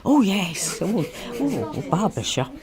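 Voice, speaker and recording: An older woman with a Birmingham accent chatting casually, giving brisk, matter-of-fact replies as an amateur chorus singer. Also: on the low side, sing-song. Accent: Birmingham (Brummie). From Birmingham, England. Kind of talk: casual chat. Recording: busy crowd chatter behind. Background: loud crowd chatter.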